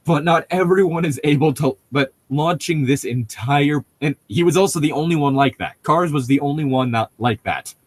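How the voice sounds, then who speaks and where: Speaking at an average pitch, a male podcast co-host chats casually while reading a novel aloud. His commentary rambles and drifts off topic, with profanity tossed in along the way.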